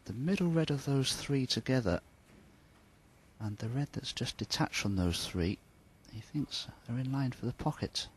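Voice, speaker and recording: A man giving hushed, measured and understated snooker commentary. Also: medium pitch, lively intonation, slight background noise.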